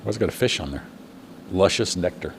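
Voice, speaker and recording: A laid-back man co-hosting a casual cigar podcast. He talks in a lowish voice and teases the others easily. Faint lounge noise sits under his voice. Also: lively intonation, brisk. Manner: laid-back, laughs often, teasing. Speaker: podcast co-host. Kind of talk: casual chat.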